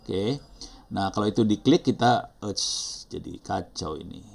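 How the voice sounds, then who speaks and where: Middle-aged male instructor, Indonesian accent, lowish voice, relaxed and rambling, lots of fillers. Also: measured pace, creaky. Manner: chatty, apologetic, thinks aloud with fillers. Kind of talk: live online teaching session.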